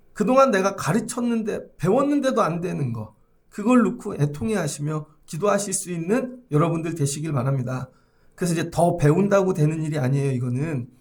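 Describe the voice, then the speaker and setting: Gravelly-voiced male pastor preaching. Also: fairly high pitch, darkish tone. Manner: preaching with rhetorical questions to the congregation; acts out prayers and quoted speech in his preaching. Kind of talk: early-morning sermon.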